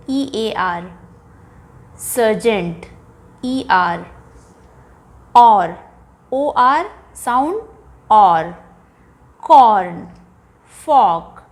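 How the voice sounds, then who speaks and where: Slow, clear Indian woman teaching phonics. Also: on the high side. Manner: slow, clear word-by-word modeling of sounds. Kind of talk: phonics lesson for children.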